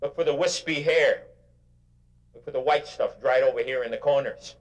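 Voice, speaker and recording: An older man giving a motivational keynote speech to a live audience, in an animated, emphatic, preacher-like way. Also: medium pitch, moderate pace. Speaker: motivational speaker.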